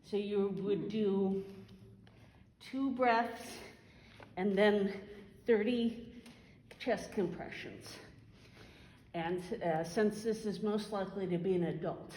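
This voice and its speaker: A woman instructor giving an informal hands-on first aid demonstration, explaining step by step and halting as she thinks. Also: mid-range voice, warm tone. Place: large reverberant room. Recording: echoey hall, faint background noise.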